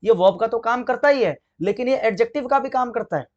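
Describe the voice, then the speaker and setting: A man teaching English grammar for exam preparation, speaking Hindi with an accent from it, asking his class questions and answering them himself while he spells words out slowly. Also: very high voice, muffled recording. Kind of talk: exam-prep grammar lesson.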